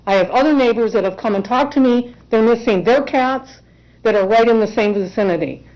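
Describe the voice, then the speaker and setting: A woman's voice: fairly high pitch, fairly quick, darkish tone. A woman representing herself in court, giving earnest, emotional testimony in a courtroom. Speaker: self-represented respondent in court. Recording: dull lo-fi courtroom recording.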